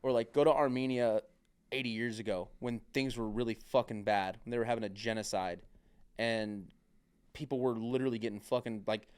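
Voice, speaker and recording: A man talks on a podcast in a rambling, casual way, swearing freely and padding his sentences with filler words. His voice is smooth and resonant at an ordinary pitch. Now and then he drops into other people's voices to act out what they said. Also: steady tone, brisk, a little mellow. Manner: acts out other people's remarks.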